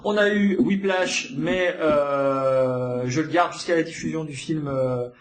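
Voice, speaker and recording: A man's voice: on the high side, takes it slowly, a little hiss or hum. A man hosting a library podcast, recommending films in a casual, hesitant way with many fillers and restarts.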